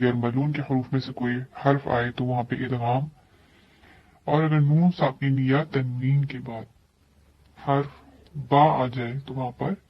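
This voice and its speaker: A man teaching a tajweed lesson, patiently explaining each rule and repeating every example word slowly. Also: medium pitch, dry recording, dull audio. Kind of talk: tajweed lesson explaining Quran reading rules.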